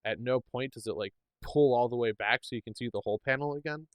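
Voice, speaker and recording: A male podcast co-host chats casually at a quick pace, rambling with plenty of fillers and restarts. His voice is medium-pitched, and the recording is dry and poor.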